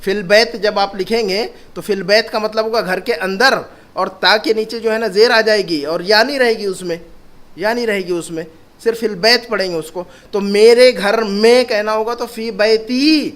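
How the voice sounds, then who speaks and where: A male Arabic teacher gives a classroom grammar lesson, his voice sitting fairly high. He is patient and drills every phrase twice, slowly, and keeps asking the class what things mean. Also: fairly bright tone. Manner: patient, repeats each phrase slowly, asks questions.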